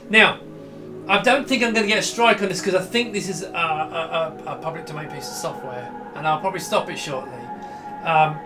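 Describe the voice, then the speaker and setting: Over music, a middle-aged host with a voice on the high side speaks briskly while demonstrating a vintage computer hands-on to camera. He is casual and enthusiastic, rambling and frequently breaking off mid-sentence, in a small indoor home room with computer equipment.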